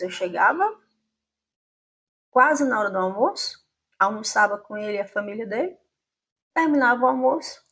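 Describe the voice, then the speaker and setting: A woman's voice: mid-range voice, a bit bright, breathy edge. A woman in her fifties from Brazil, the host of her channel, telling a personal story in a reflective, conversational way and often asking "né?".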